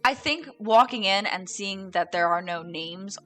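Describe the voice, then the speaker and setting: A young woman narrating as game master, relaxed and halting, with many fillers. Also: mid-range voice, soft background music.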